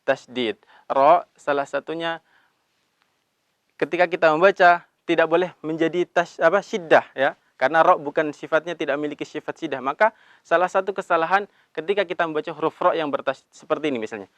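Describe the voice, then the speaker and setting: A man teaching Quran recitation, explaining letters patiently and drawing out the recited verses slowly. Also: a little high, fairly bright tone, no room sound. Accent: Indonesian. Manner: slow drawn-out recitation of verses between brisk explanations; calls himself [name], patient instructive tone. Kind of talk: recitation lesson with chanted examples.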